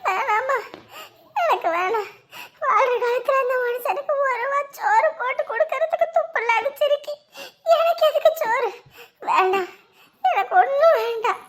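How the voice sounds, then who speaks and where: Woman acting as a widow, crying, wailing voice, shrill and high. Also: moderate pace. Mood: wailing grief. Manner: sobbing, wailing speech. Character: grieving widow, wailing and bitter. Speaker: grieving widow. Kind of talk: family drama acting.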